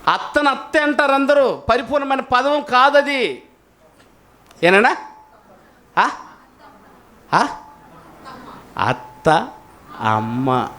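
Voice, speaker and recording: A male pastor preaching a sermon in an animated way, often putting questions to his congregation. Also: extremely high pitch, slow, long pauses. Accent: Telugu.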